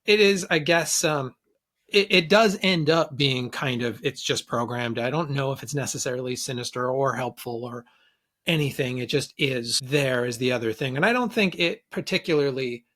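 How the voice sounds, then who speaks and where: A man's voice: medium pitch, normal speed, a bit bright. A man as a guest on a podcast in casual chat, thoughtful and hedging, often restarting his sentences.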